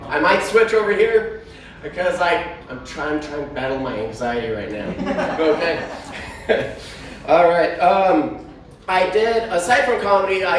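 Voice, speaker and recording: Rambling high-voiced male stand-up comic. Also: a bit bright, slight background noise. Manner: rambling, self-deprecating, full of fillers. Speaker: stand-up comedian. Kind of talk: stand-up comedy set. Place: brewery stage. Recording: echoey room heard from far off.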